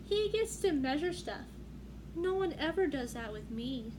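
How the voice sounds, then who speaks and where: A woman's voice: high-pitched, sing-song, measured pace. A woman voicing friendly utensils in a picture book, earnest and admiring with a slightly plaintive manner. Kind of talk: children's picture book read-aloud. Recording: clearly noisy room background.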